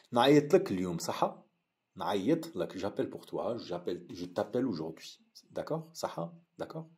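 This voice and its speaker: A man with an Algerian accent and a fairly low voice runs a patient language lesson. He says each phrase, repeats it at a measured pace and explains it plainly. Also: darkish tone. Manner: repeats each phrase slowly, then translates. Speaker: language teacher.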